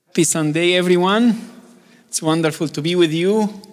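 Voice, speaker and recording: A man's voice: sits high, normal speed. A man from Egypt, preaching a sermon as a guest, joking at times and building to emphatic, urgent calls. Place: church sanctuary. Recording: long church reverb.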